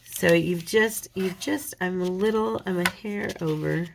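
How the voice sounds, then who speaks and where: A paper crafter with a slight cold talks through a casual folding tutorial as she works, chatty and quick to laugh at her own mistakes. Her low voice has a gravelly edge, with a faint hiss running behind it.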